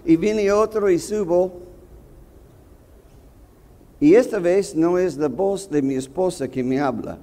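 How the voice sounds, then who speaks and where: A man pastor preaching a sermon, telling a personal story with acted quotes and sudden loud bursts. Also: high-pitched, slow, long pauses.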